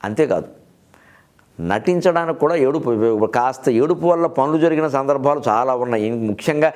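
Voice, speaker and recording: A middle-aged man giving a humorous literary talk in a storytelling manner, quoting verses slowly and adding lively asides. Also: mid-range voice. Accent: Telugu. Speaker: literary speaker and host.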